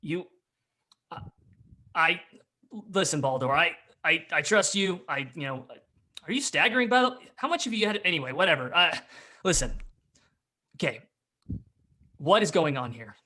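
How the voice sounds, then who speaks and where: A man doing a gruff, baffled tough guy. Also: fairly high pitch, expressive, slow, long pauses, sharp tone, exaggerated voice. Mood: confused. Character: gruff tough male fighter, suspicious and blunt.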